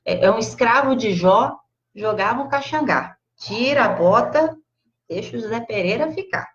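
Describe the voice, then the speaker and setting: A Brazilian woman with a Brazilian Portuguese accent giving a casual, expressive live class, chatting directly to her audience. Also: a little high, moderate pace. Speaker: psychologist teaching a live class. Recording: slightly dull lo-fi livestream audio.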